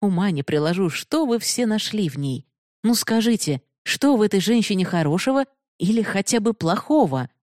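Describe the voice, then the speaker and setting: A woman's voice: medium pitch, animated, normal speed, a little mellow, dry recording, studio quality, voice pushed up, lightly acted. A woman voicing a proud, passionate young woman who pleads bitterly for love, raised and emotional. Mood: pleading, bitter.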